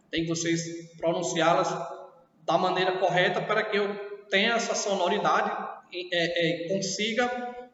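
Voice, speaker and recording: A man's voice: high-pitched, a bit bright. A Brazilian man teaching a lesson, explaining patiently and often checking that students follow along. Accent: Brazilian Portuguese. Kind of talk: classroom lesson. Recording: echoey distant lo-fi room recording.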